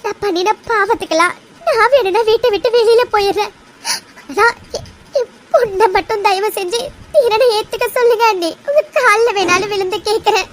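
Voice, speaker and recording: Desperate sobbing mother, woman voicing, very high pitch, cartoon. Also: moderate pace, a little hiss or hum. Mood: begging. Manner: sobbing, imploring. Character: desperate mother begging for her daughter. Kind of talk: cartoon voice acting.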